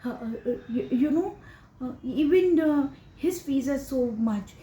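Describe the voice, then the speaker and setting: An older woman with an Indian accent who recites a poem and then tells a chatty, animated personal story, laughing often and filling pauses with "uh" and "you know.". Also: sits high. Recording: echoey room with faint ambience.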